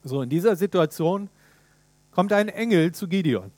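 A man preaching a sermon in a lively way, retelling a story and putting questions to his listeners. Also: high-pitched, moderate pace, dry recording.

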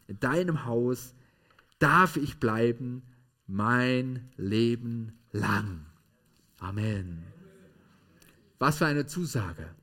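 A man preaching a sermon, telling stories with lively emphasis and asking listeners "ne?" and "ja?" along the way. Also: fairly low pitch. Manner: storytelling with shifting emphasis, frequent "ne?" and "ja?" tags. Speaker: pastor.

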